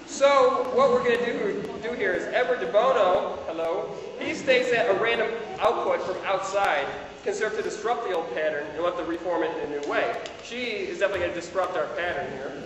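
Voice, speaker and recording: High-voiced man hosting a live improv show. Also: a little fast, slight background noise. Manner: upbeat emcee patter, then loud fatherly ranting in scenes. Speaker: improv show host and performer. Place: theater stage. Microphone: distant room mic. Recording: echoey theater audio from far off. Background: loud laughing audience.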